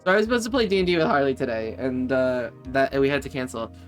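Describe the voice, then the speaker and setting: A man's voice: mid-range voice, fast talker, faint music behind. A young man streaming a game with a friend, casual and sweary, now and then reading lines in put-on voices.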